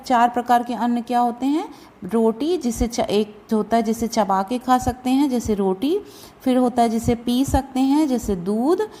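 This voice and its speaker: A woman teaching how to recite scripture verses, chanting each line slowly and carefully and then explaining it in plain talk. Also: on the high side, dark tone.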